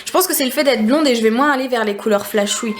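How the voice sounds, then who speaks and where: Chatty high-voiced young woman vlogger. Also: slight background noise. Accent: French regional. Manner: chatty, laughs often, quick asides. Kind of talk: casual vlog chat. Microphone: handheld camera.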